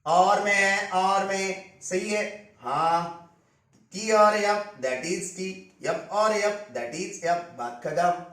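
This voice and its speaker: A man's voice: sits high, extremely slow, a bit bright. A man teaching a maths lecture step by step, often stopping to check that students follow. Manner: explains step by step, asks checking questions. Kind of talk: classroom lecture. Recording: echoey room, distant mic.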